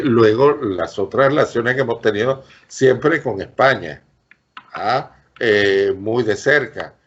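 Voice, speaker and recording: A man's voice: mid-range voice, dull audio. A man explains things didactically as an interview guest, like a professor listing terms and examples.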